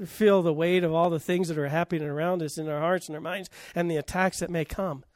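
A man delivers a sermon as a pastor in a notably high voice. He is emphatic, firing rhetorical questions and letting his volume swell and drop. The sound is dry and close. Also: dry recording.

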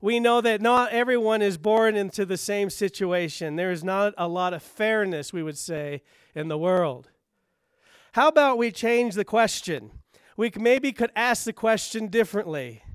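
A male pastor preaching a sermon, driving home rhetorical questions with emphasis, then dropping low and quiet. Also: moderate pace, few pauses, smooth, no room sound, clean studio sound.

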